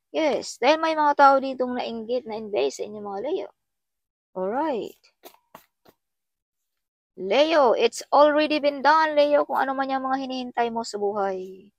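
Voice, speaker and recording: A woman's voice: a little high, no echo. A woman with a Filipino accent giving a tarot reading to viewers, switching between Filipino and English and addressing listeners by their star sign. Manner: mixes English into Filipino speech, repeats the sign name. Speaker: tarot reader.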